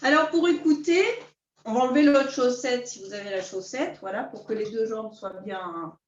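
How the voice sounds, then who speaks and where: High-voiced woman teaching a class. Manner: calm, unhurried, step-by-step guidance. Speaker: qi gong teacher. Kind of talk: guided class instruction. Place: class room with students. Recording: roomy, distant, dull sound.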